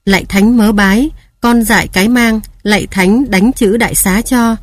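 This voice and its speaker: A woman reading aloud voices a frantic, pious old grandmother who cries out in high, wailing prayers. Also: steady tone, moderate pace, no echo, close to an everyday voice. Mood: praying.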